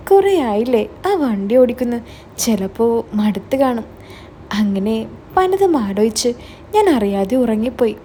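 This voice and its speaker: Female storyteller, first-person narration, mellow, fairly high voice. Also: very animated, normal speed, long pauses, a little hiss or hum.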